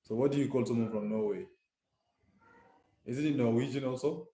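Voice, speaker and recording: A male live streamer from Nigeria speaks at a normal speed in a medium-pitched voice with a dark tone. He chats informally and uses slang as he talks straight to his viewers in a Nigerian accent, from an indoor room full of echo.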